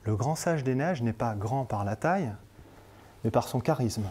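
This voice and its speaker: Mellow-voiced man telling a lively story. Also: medium pitch, normal speed, a little hiss or hum. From Marseille, France. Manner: colloquial, joking, acts out dialogue. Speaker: coaching institute director giving a lecture. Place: conference room.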